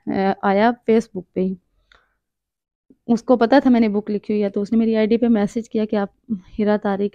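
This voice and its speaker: Earnest young woman, dark dull audio. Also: fairly high pitch, no echo. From Punjab, Pakistan. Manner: earnest, reflective, advising. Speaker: storyteller and author. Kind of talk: personal storytelling. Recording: dull, dry lo-fi recording.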